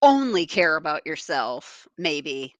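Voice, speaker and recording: A woman author chatting casually as a guest, animated and candid, laughing now and then. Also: sits low, slow pace, dry recording. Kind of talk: casual interview chat.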